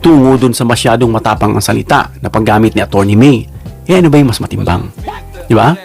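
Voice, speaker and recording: This political vlogger speaks in a lowish, creaky, darkish voice with faint music behind him. He talks casually and emphatically, addressing his viewers often with a repeated "no?" and drawing out important words.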